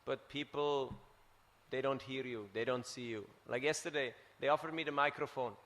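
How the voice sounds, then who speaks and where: Bright-voiced Swiss man preaching. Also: mid-range voice, moderate pace, in a large hall. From Switzerland. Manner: animated storytelling, tags points with "huh?". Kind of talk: scripture class talk. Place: temple hall.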